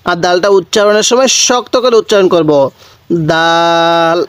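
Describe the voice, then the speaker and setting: A man from Bangladesh with a high, smooth and resonant voice, recorded dry and close. He teaches Quran reading patiently, prompting listeners to answer and stretching each letter out slowly. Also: a bit bright, no echo. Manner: drawn-out, slow letter pronunciations. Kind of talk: teaching Arabic letters step by step.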